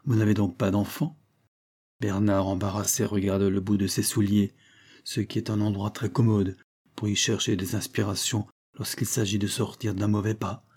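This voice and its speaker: A man narrating an audiobook in a measured, even reading. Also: fairly low pitch, husky.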